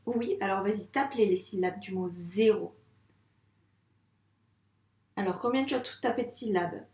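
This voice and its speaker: A woman's voice: medium pitch, normal speed, darkish tone, echoey room. A woman teaching first-grade phonics to young children, patiently stretching out sounds and syllables.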